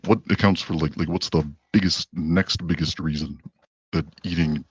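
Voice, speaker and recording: A man with a very deep voice that sounds pitch-shifted, debating casually and haltingly on an online voice call. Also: fairly even intonation, breathy edge, no echo. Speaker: debater on a live call-in show. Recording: dull, lo-fi voice chat audio.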